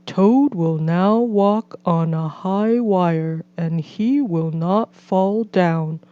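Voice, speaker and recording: A strange, solemn disembodied announcer from a storybook dream, put on by a woman. Each formal phrase is drawn out very slowly, in a slightly dull recording. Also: on the low side, dark tone, clear, resonant tone, no echo. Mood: grand, eerie.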